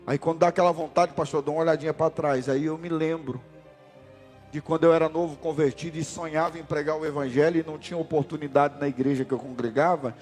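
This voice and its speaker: A man in his forties from Brazil, a pastor preaching a sermon and telling his own story, swelling louder and higher at the climaxes. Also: fairly even intonation, fast talker, faint music behind. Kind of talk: sermon with personal testimony.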